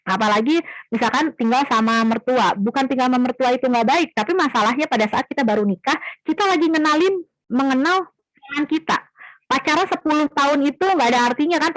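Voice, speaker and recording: A woman's voice: on the high side, no echo, rough recording. Woman answering parenting questions. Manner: answers audience questions conversationally, asks herself questions. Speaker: parenting speaker. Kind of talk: live Q&A talk.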